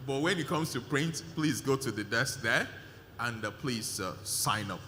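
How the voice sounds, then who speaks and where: Man, conference speech, emphatic and repetitive, bright tone, reverberant hall. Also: medium pitch, lively intonation, a little slow, slight background noise. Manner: emphatic, repetitive thanks with many fillers. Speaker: conference organizer giving vote of thanks. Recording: hall reverb with faint ambience.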